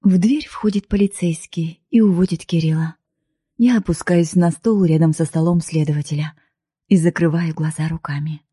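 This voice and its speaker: A woman's voice: deep voice, fairly even intonation, moderate pace, mellow, slightly rough, no echo, clean studio sound. A woman reading an emotional first-person audiobook narration in a heartfelt, pleading way. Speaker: audiobook reader.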